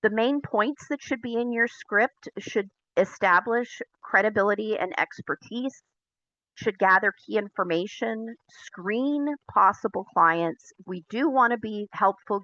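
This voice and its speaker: Bright-voiced woman teaching a business class. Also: mid-range voice, lo-fi sound. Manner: clear, measured, explanatory. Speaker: pet detective instructor. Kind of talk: recorded business class lecture.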